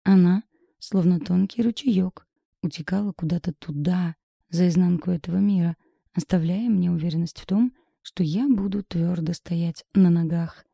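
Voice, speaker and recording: Husky, dark-voiced woman narrator. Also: on the low side, dry recording, clean studio sound. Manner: measured, intimate, introspective. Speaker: audiobook narrator. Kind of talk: first-person audiobook narration.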